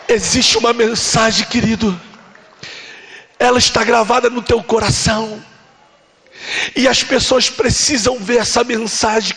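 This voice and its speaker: A man with a Brazilian Portuguese accent preaching a sermon, moving from quiet storytelling to shouted, emotional appeals. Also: sits high, breathy edge. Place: large church.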